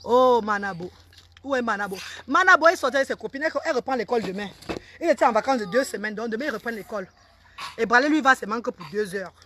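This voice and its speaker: A woman, selling products on a casual live stream in loud sing-song sales calls with chatty asides to commenters. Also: a little high, lively intonation, quick pace, background noise. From Cameroon. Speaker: online seller on a live stream.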